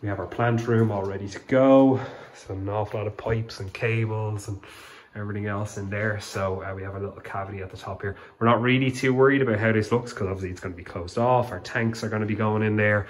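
Talking fast in a lowish voice, an Irish man shows viewers around the inside of the house he's renovating, filming on his handheld phone. His narration is casual and explanatory, full of fillers. The bare rooms echo, and faint background noise comes through.

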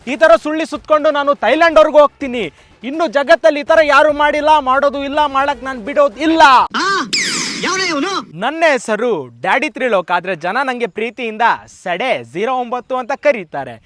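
A man's voice: very high-pitched, a little fast, fairly bright tone, dry recording. A man with a Kannada accent doing a brash, mocking comedy skit. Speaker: comedy creator. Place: outdoors on a dirt road.

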